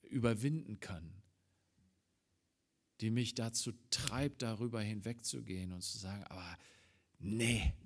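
A man preaching a sermon, swinging between loud emphatic stresses and quiet asides. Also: on the low side, a little slow, pauses often.

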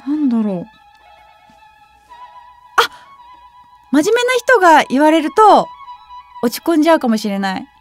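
A young woman hosts a casual radio show in a high, bouncy voice. She reads trivia, then breaks off into giggly, excited comments, with faint music playing behind her. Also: a little fast. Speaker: web radio host. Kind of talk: casual quiz chat and reading aloud.

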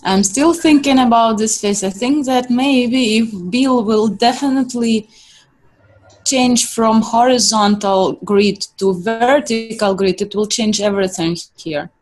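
A woman's voice: a little high, a little slow, a little mellow, soft background music, low-quality recording. A woman taking part in an art meetup, thoughtfully suggesting changes to a drawing. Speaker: meetup participant. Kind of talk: casual discussion.

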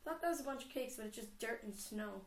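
On the high side, animated and fast-talking, this young gamer chats to herself through casual let's play commentary, rambling and giggling about her own game. The room is echoey.

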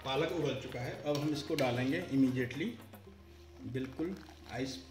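A male cooking host in his 30s narrates a recipe step by step at a moderate pace and mid pitch, explaining each stage plainly. He's in a home kitchen indoors, where the sound is roomy and echoey with clear music playing underneath.

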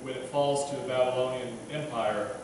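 A man in his thirties preaches an informal sermon, conversational and self-mocking, often restarting and filling gaps as he stumbles over words. His mid-range voice holds a steady tone at normal speed. Background noise and heavy echo come through, as a distant camera films the church pulpit microphone.

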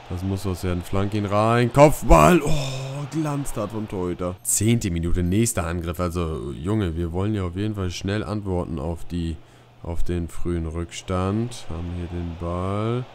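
A man's voice: on the low side, slight background noise. A man casually commenting on a football video game, reading menu options aloud and reacting loosely. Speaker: gaming YouTuber. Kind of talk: casual let's-play commentary.

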